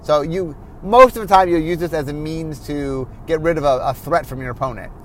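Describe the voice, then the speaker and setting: A man's voice: on the high side, a little fast. Tired guy rambling about card design, lots of ums and self corrections, faint car hum behind. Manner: explanatory, self-correcting, many fillers. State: tired, yawning. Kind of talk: solo podcast monologue.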